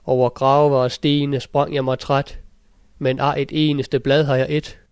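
A man's voice: mid-range voice, flat delivery, smooth, no echo, clean studio sound, lightly acted. A man voicing a sly rhyming storybook goat. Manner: sing-song rhyming verse. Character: sly, spiteful female goat who tells rhymes. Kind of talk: storybook narration.

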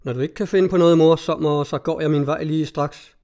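Man doing a worn-out sulky officer, slow and mumbly, storybook reading. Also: on the high side, steady tone, darkish tone, close to an everyday voice. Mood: grumpy. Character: weary, grumpy young army lieutenant.

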